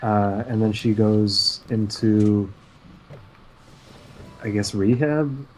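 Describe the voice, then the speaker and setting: A man chatting casually on a stream, retelling a cartoon episode in a rambling way with frequent "uh" pauses. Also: lowish voice, darkish tone, slight background noise, rough recording. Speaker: stream co-host. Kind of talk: casual chat recapping cartoons.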